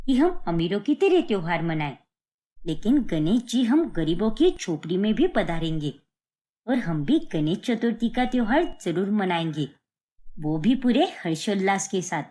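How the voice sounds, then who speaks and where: A woman voicing a weary older mother in a poor household in an animated cartoon, sighing and mildly scolding. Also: medium pitch, unhurried.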